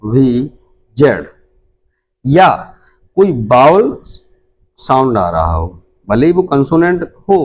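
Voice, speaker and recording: Slow Hindi-accented male teacher. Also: medium pitch, darkish tone, slight background noise. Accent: Indian Hindi. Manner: slow, repeats each word several times. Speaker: English teacher. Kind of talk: pronunciation lesson.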